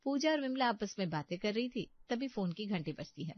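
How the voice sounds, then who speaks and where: A woman narrating a comic cartoon story in a brisk, scripted storytelling manner. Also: mid-range voice, animated, dry recording. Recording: dull dry recording.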